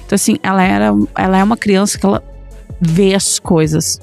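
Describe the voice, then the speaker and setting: A woman with a Brazilian accent recounts her own supernatural experience as a mother, speaking in a halting, conversational way with many pauses and fillers. Her voice sits at an ordinary middle pitch. Quiet music plays faintly behind her. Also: fairly even intonation, gravelly. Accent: Brazilian Portuguese. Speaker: mother telling a personal account. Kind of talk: personal supernatural account.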